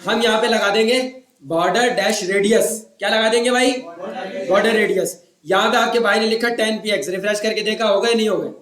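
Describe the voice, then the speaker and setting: A man's voice: high-pitched, fairly even intonation, quick pace, few pauses, echoey room, distant mic, a crowd in the background, poor audio. A man from Pakistan with a sore throat, lecturing a class on web design and teasing students to answer whether they follow. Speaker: web development instructor.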